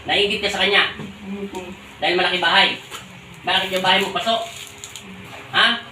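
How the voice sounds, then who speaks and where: Folk healer guy yelling orders in a healing ritual, super bright sharp voice, echoey room, mic kinda far. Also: high voice, flat delivery, brisk, a little hiss or hum. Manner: commanding, barking repeated orders. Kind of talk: healing ritual, scolding interrogation.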